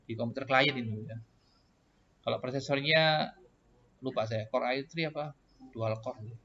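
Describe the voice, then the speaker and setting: A man's voice: medium pitch, unhurried, bright, forceful tone. A male teacher walks a class through server setup step by step, patiently repeating each instruction. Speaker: computer networking teacher. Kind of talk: classroom tutorial with student questions. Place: computer lab classroom. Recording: muffled lo-fi classroom recording.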